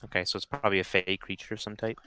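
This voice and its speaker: A man's voice: deep voice, steady tone, racing, pushed and bright, smooth, dry recording. A man playing a tabletop game, thinking aloud tentatively with fillers. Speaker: player. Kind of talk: casual tabletop game play.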